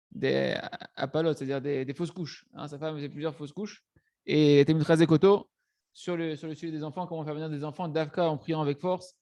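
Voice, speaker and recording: High-voiced man teaching many restarts. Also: a little mellow, no room sound. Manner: hesitant restarts, frequent "hein" and "d'accord" checks. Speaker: Torah teacher. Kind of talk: religious lesson explaining a text.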